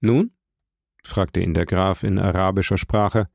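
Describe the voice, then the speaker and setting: A man reading an audiobook aloud in a steady, even narration, recorded close up in a coworking space. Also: fairly low pitch, unhurried, dry recording. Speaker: audiobook reader. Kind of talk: scripted narration.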